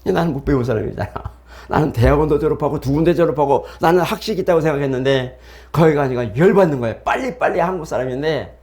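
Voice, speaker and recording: A man's voice: a little high, quick pace, darkish tone. A middle-aged man preaching a sermon as pastor, in a conversational way, acting out the voices of the people he quotes.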